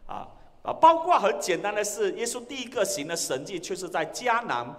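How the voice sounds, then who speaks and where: A male pastor preaching a sermon, swinging between loud exclamations and hushed lines. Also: high voice, very animated, a little fast, long reverb tail. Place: church sanctuary.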